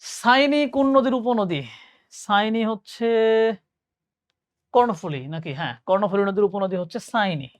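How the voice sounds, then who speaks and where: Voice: mid-range voice, moderate pace, pauses often, no echo, clean studio sound. A young adult teacher with a Bangladeshi Bengali accent, reading exam questions aloud and answering each one step by step, often thinking aloud and correcting themselves. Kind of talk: admission exam lesson.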